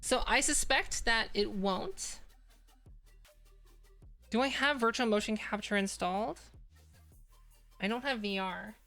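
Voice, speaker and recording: A woman's voice: fairly high pitch, takes it slowly, pauses often, a bit bright, soft background music. A woman chatting casually as a virtual streamer on a live stream, with a cute, bubbly anime-streamer delivery. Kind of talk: casual livestream chat.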